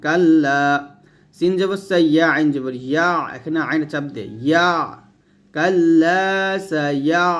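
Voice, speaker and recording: A man teaching Quran reading step by step, spelling out letters and vowel marks, then chanting the verses in long drawn-out tones. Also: on the high side. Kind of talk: step-by-step recitation lesson.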